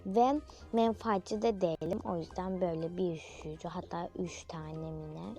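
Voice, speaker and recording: A woman's voice: lowish voice, steady tone, moderate pace, mellow, soft background music. A young female narrator chatting through a toy role-play video, playful and dramatic, talking straight to her viewers.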